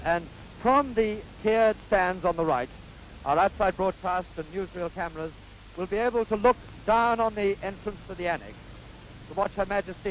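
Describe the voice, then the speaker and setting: In this rough vintage recording, a faint hiss or hum sits under a man's high-pitched voice. He uses a Received Pronunciation British accent for formal 1950s newsreel commentary, stately and delivered in measured phrases.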